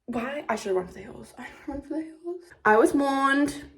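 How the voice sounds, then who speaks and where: Speaking at a normal speed with lively intonation and vocal fry, this young woman's voice sits high. She's about 19, nearly 20, a vlogger chatting casually and confessionally to camera in a dramatic, rambling, self-deprecating way.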